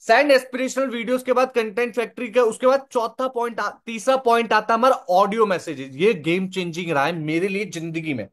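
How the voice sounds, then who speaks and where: A young man with a notably high voice leads a live online training session. He talks in an instructive way, repeats his key points, and keeps asking the audience whether they follow. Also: brisk, few pauses, fairly bright tone. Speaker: sales trainer.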